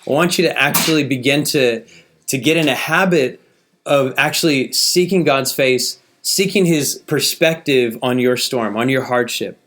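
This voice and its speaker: A man's voice: mid-range voice, moderate pace, fairly bright tone. A man preaching a sermon in a casual, conversational way, reading scripture aloud and asking the listeners rhetorical questions.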